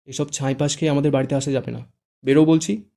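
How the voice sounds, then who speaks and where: A man reading a story aloud, voicing a quick-tempered young woman with angry, sharp retorts. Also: a little high, little pitch movement, creaky, voice pushed up.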